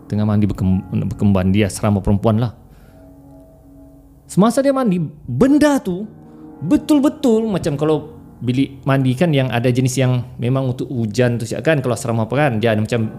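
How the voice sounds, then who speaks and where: A young man telling a story casually, animated and laughing often as he mimics voices. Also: mid-range voice.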